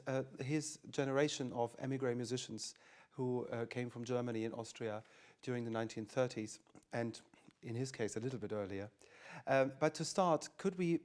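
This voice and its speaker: A man's voice: mid-range voice, a little mellow. A man interviewing a guest, polite and formal, hesitating with many "uh"s.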